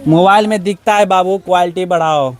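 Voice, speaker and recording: A male teacher with a high, steady voice leads a classroom lesson at a slightly fast pace, firing repeated questions for students to answer back. Class chatter and student replies can be heard behind him in this call-and-response session.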